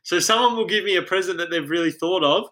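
A man and podcast guest telling stories about himself in an animated, self-deprecating casual chat. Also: high voice, fast.

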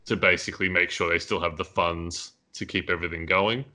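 Low-voiced male podcast host, bright and forceful, loose rambling delivery. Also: fairly even intonation, fairly quick. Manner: rambling, many fillers, laughs at own jokes. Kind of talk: casual discussion. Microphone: headphones and mic.

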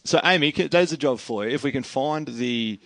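A man's voice: medium pitch, fairly bright tone, no room sound. A man hosting a casual podcast chat, joking and leading the questions. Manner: fast, joking, leads the questions. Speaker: podcast host.

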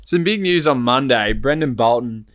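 A man's voice: mid-range voice, expressive, normal speed, dull audio, loud music behind the voice. An Australian man hosting a casual podcast, moving the talk along with questions. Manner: steers topics with questions. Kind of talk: casual chat.

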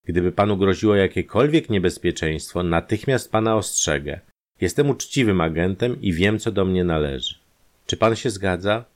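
A man voicing a smooth-talking male private detective, a conman who speaks in an ingratiating, persuasive way. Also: low voice, normal speed, pitched above the performer's own voice, lightly acted. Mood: wheedling.

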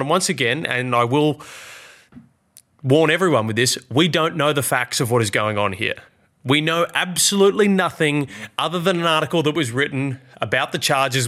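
A man's voice: medium pitch, sharp tone. A man with a nasal, blocked-up voice from hay fever, hosting a casual sports chat. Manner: chatty, cautious on serious topics. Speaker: podcast host.

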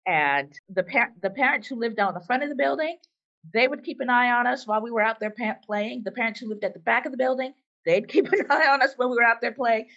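A woman's voice: on the high side, fast talker, a bit bright, lo-fi sound. A woman from Brooklyn hosting a casual panel chat, telling stories with small laughs. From Brooklyn, New York.

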